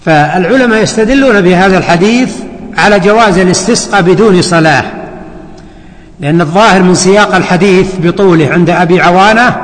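A man teaching a hadith lesson as a scholar, deliberate and repeating key words for his students. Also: high voice. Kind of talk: classroom commentary lecture. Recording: long hall reverb.

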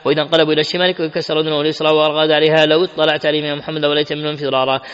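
A man's voice: a little high, little pitch movement, racing, a bit bright, smooth. A man reading classical Quran commentary aloud, with frequent self-corrections and restarts. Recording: dull lo-fi recording with long hall reverb.

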